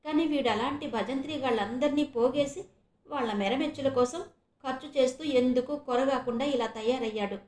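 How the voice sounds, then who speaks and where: A weary middle-aged mother, played by a woman reader, pours out her sorrow in a lamenting tone. Her voice is fairly high, recorded in a roomy space. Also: moderate pace, darkish tone, natural voice. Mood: sorrowful.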